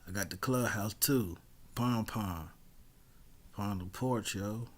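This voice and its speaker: A man's voice: on the low side, takes it slowly. A man hosting a livestream in casual, slangy, conversational talk. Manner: conversational, peppered with slang and shout-outs. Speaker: livestream host.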